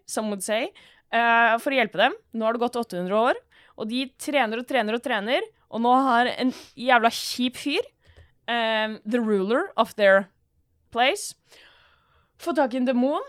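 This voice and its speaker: A young woman from Norway chats in a joking, sarcastic way, faking outrage and laughing often. Her voice sits a little high. The sound is dry and close, with no room around it. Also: fairly bright tone, clear, resonant tone, dry recording. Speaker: manga club member presenting a book. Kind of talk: joking casual chat.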